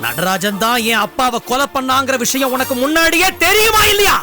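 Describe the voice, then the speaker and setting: An actor playing a vengeful, hot-tempered young man in a TV serial who shouts, threatens and chokes up. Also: extremely high pitch, animated, brisk. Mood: menacing interrogation. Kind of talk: TV serial acting. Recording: loud background music score.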